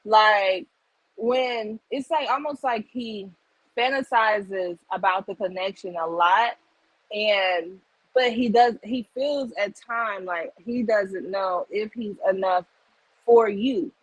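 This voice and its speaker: A woman's voice: mid-range voice, slow, dry recording, rough recording. A woman hosting a live tarot reading on a stream, talking loosely and conversationally. She strings thoughts together with lots of fillers and keeps asking whether the listener follows. Her voice sits close and dry, with no room sound around it. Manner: rambling and conversational, heavy on "like" and "you get what I'm saying". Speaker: psychic tarot reader. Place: home livestream setup.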